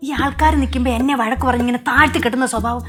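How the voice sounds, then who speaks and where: A woman's voice: sits high, steady tone, very fast, a bit bright, faint music behind. An actress playing an older grandmother in a family sitcom who complains, sulks and gets defensive whenever she is scolded. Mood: sulking. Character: touchy old grandmother, quick to take offence. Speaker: grandmother and wife. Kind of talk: sitcom acting.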